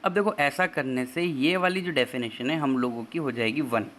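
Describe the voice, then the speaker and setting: A man's voice: medium pitch, moderate pace, fairly bright tone. A man teaching exam-prep math, working through each step and asking his students rhetorical questions. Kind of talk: exam-prep math lecture in Hindi with English terms.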